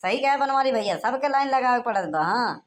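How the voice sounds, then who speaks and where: A village farmer from a cartoon, played by a woman speaks in an Awadhi accent with a fairly high voice. He talks in an agreeable, soothing way. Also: expressive, fairly quick, close to an everyday voice. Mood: agreeing. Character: male village farmer standing in line.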